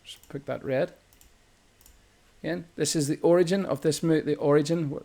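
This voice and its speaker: A man's voice: fairly high pitch, fairly even intonation, moderate pace, vocal fry, dark tone. A man with an Irish accent, walking through a chart tutorial as a trading instructor in a loose, explanatory way, often correcting himself mid-sentence. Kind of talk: screen-recorded chart tutorial.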